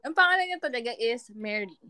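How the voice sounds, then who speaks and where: A woman's voice: on the high side, expressive, a little fast, pushed and bright, no room sound, studio quality. A Filipino woman in casual chat, telling fun facts in a playful, giggly way. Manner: giggly, playful, mimics goat bleats. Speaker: co-host sharing fun facts.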